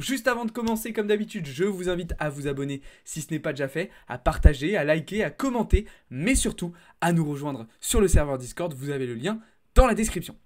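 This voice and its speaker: A man with a slight lisp on his s sounds, presenting market commentary to viewers. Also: sits high. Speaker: crypto trading video host.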